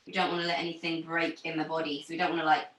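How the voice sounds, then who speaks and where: A young woman teaching a pilates class over a video call, giving gentle, encouraging cues. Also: low-pitched, flat delivery, rapid-fire, recorded from a distance. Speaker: pilates instructor. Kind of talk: guided exercise class instruction. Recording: roomy sound from off the mic.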